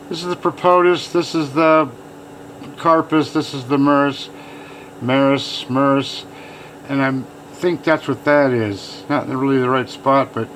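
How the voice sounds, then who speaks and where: This rough recording catches a man with a mid-range voice as he works on fossils he prepared himself. Talking his thoughts through casually during the hands-on demo, he's accompanied by a constant machine hum.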